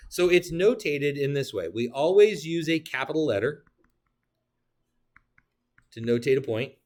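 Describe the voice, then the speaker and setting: Speaking a little slowly in a fairly high voice, a man teaches geometry, explaining definitions to his class. He stays animated, tossing in playful jokes and questions to the students.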